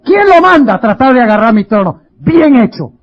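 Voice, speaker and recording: A man's voice: very high voice, sing-song, normal speed. A man voicing a grieving old king who mourns his rebel son, on a dull lo-fi sermon recording. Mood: scornful. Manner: first scornful, then tearful.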